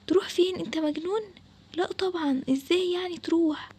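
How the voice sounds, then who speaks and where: A woman's voice: very high-pitched, darkish tone, pitched above the performer's own voice. A woman with an Egyptian accent voicing a frightened, cautious young girl who pleads anxiously. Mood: scared worried. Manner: worried pleading, quick. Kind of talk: storytelling for an animated game video.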